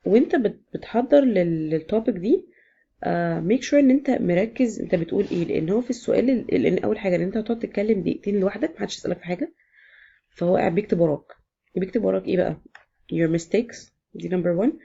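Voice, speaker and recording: A woman's voice: medium pitch, fast talker, vocal fry, warm tone, husky, dull audio. A woman with an Egyptian Arabic accent, casually explaining exam sections in a chatty vlog lesson, often switching into English. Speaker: exam prep teacher.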